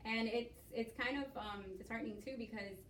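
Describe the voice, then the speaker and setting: A young woman from Miami, United States, leads a class presentation conversation in a fairly high, fairly even voice, speaking briskly but hesitantly with many fillers. She's in a skills lab room, recorded from a distance with roomy echo and faint noise.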